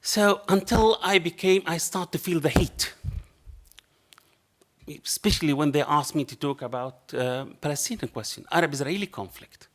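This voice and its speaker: Through a table microphone at a panel in a dark lecture hall, a middle-aged man with a strong Arabic accent passionately recounts an anecdote, voicing both speakers in a conversation with non-native phrasing. His voice sits fairly high, at a moderate pace.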